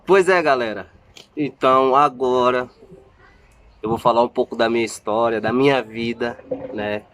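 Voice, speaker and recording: A man in his thirties from Salvador, Brazil, chats to his viewers in a casual family-vlog manner. He pokes fun at himself and restarts his sentences. His voice sits at an ordinary middle pitch. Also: normal speed, echoey room, noisy background. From Salvador, Bahia, Brazil. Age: 30s. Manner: chatty, self-mocking, repeats and restarts. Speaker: family vlogger.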